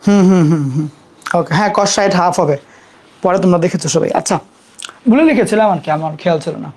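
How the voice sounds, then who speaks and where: Young teacher doing a math class, chatty and informal, spells stuff out slow so students can copy, mid pitch. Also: darkish tone. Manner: informal, repeats terms slowly for students to copy; apologizes quickly for own board mistakes. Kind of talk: live classroom math lesson.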